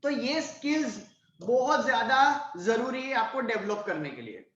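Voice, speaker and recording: A man's voice: extremely high pitch, animated, a little slow, a bit bright, echoey room, dull audio. A male college lecturer with a Gujarati accent, teaching an online class and checking in with his students again and again. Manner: mixes Hindi, Gujarati and English, asks "right?" often.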